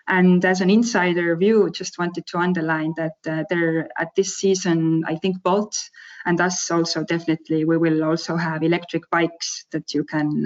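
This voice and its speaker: Woman, lowish voice. Company rep presenting informally, hesitant and halting. Dull, lo-fi audio. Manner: hesitant, halting, with frequent pauses. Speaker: company representative for a scooter rental operator. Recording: dull, lo-fi sound.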